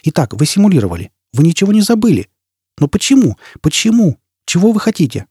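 A man's voice: mid-range voice, lively intonation, a little fast, mellow, husky, dry recording, clean studio sound. A man voicing a lonely, anxious young woman teacher who talks in a fretful, pleading way. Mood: frightened, shrill.

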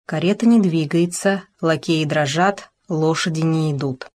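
A woman narrating an audiobook in an expressive, dramatic reading style. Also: deep voice, unhurried.

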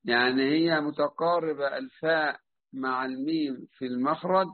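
A man with an Egyptian Arabic accent runs a recitation lesson, calling on students and drawing out each example slowly. His voice sits somewhat high for a man. It comes through a narrow, tinny phone-like call line. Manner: patient, drawn-out quizzing, slow modelled recitation. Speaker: tajweed teacher.

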